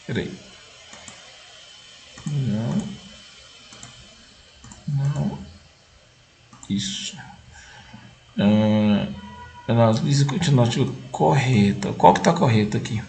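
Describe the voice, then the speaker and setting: Man thinking aloud, gravelly. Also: medium pitch, animated, slow pace, pauses often, mellow. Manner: thinks aloud, reads questions and checks answers. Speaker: exam-prep video host. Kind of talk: casual exam walkthrough.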